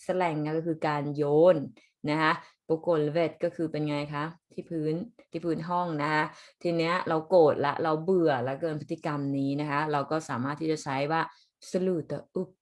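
Thai-accented woman language teacher, low voice, chatty classroom explainer. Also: level tone, normal speed, a little mellow. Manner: chatty, frequent polite sentence endings. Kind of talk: explaining dialogue phrases to students.

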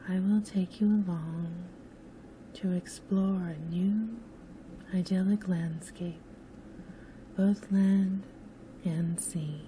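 A woman narrating a scripted sleep story in a hushed, soothing, soft-spoken manner, often close to a whisper. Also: on the low side, steady tone, slow pace, long pauses, slight background noise, rough recording. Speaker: host and narrator of sleep stories.

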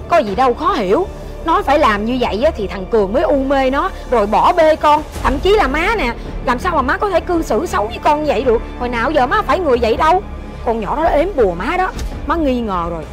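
A woman playing a shrill Southern Vietnamese mother-in-law. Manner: shrill, scolding, rapid-fire accusations. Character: superstitious, bossy middle-aged mother-in-law, quick to accuse. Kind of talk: web drama acting. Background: background music.

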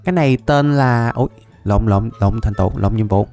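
A young man, chatting casually as he plays a game, laughing often and repeating words in quick bursts. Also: on the low side, darkish tone, soft background music. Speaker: gaming YouTuber. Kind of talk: casual Minecraft let's-play commentary.

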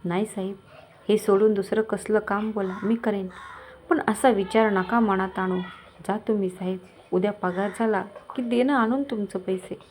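A woman's voice: mid-range voice, fairly even intonation, normal speed, a little mellow, slight background noise, lightly acted. Poor proud young village wife, as a woman narrator plays her, pleading but firm, defiant, storybook tale.

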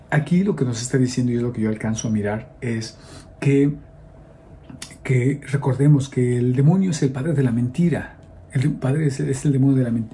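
Male priest, very warm dark tone, conversational homily with fillers, faint noise behind. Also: medium pitch. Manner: conversational, frequent fillers and checks with the listeners. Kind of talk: homily on the Sunday gospel.

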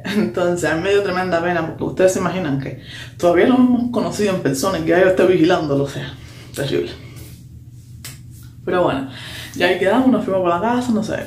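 Speaking quickly in a lowish voice and pausing often, a young vlogger retells a personal story with animated energy, sprinkling in slang and English asides. The recording has an echoey room and a faint hum.

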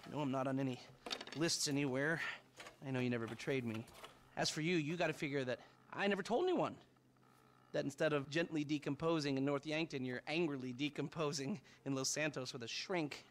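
A man's voice: mid-range voice, fairly quick, a little hiss or hum, lightly acted. An actor playing a sardonic, scheming middle-aged male hacker who rants in profane bursts in video game dialogue. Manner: sneering, profane ranting.

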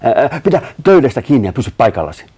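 A steady, quick-acting zoo worker, as a man reading a children's story puts him on. He gives short, firm orders in a low, gravelly voice with a husky edge. His delivery is lively and full of swings. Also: exaggerated voice. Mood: urgent. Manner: speaks in short firm commands.

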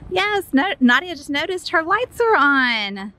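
There's slight background noise as a mom in her thirties narrates her resort vlog, camera or phone at arm's length, moving from outdoors to an indoor arcade. She sounds high, pushed and bright, with big pitch swings and a slightly slow pace, chatty and upbeat as she points things out like a guide.

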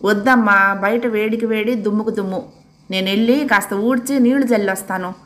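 A woman's voice: mid-range voice, steady tone, fairly quick, fairly bright tone, natural voice. A woman voicing a caring older housemaid who fusses kindly. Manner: fussing, kindly.

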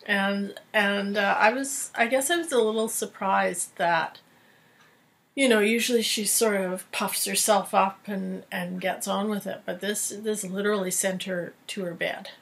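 A woman's voice: medium pitch, fairly even intonation, a little slow, vocal fry, a bit bright. A woman co-hosting a podcast, giving thoughtful, hesitant commentary. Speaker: podcast co-host. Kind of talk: casual commentary chat.

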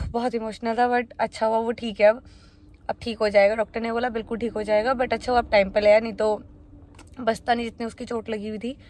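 A woman's voice: on the high side, flat delivery, brisk, darkish tone. A young woman in her twenties, talking casually to her phone camera from inside a car, chatty and mixing in English words. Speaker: vlogger. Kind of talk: casual vlog narration. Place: inside a parked car by day. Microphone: phone held at arm's length.

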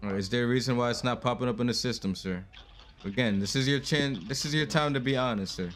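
A man's voice: medium pitch, fast talker, a bit bright. A man plays a police officer in roleplay, staying formal and polite as he questions people. His voice sits mid-range, with a faint hum behind it. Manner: formal, polite cop patter. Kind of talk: in-character roleplay.

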